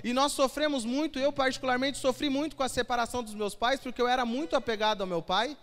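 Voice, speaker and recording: A man's voice: extremely high pitch, steady tone, fast talker, fairly bright tone. A young man giving an emotional sermon testimony, telling his story with quoted dialogue. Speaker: preacher. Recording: hall reverb with faint music.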